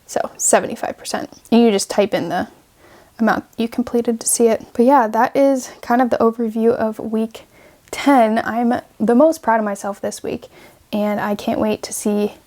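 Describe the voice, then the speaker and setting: A young woman talks her way through her weekly plans in a loose, chatty vlog, thinking aloud as she types. Her voice sits a little high but has a soft, mellow color. She sounds relaxed and unscripted, recorded at her desk. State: out of breath. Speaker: vlogger. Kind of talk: casual planning vlog with screen recording.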